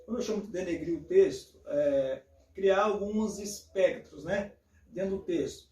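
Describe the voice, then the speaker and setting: A man, a pastor hosting the talk, speaking in a measured, hesitant way with many small tag questions. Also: high voice, a little mellow. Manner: measured, hesitant, with frequent fillers. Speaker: pastor and host. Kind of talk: casual theological conversation. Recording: echoey room, distant from mic.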